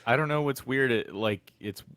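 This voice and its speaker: A man's voice: medium pitch, normal speed, background noise. A man in casual podcast chat, laid-back, with short interjections that trail off.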